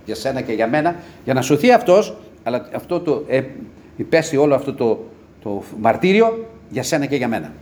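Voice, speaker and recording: A man preaching a sermon with passion, rising to loud cries and dropping to low murmurs. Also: very animated, a little hiss or hum.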